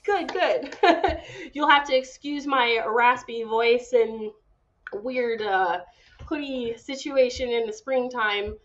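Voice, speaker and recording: A woman's voice: on the high side, takes it slowly, highs cut off. A woman podcast host delivering an upbeat, scripted show introduction to listeners.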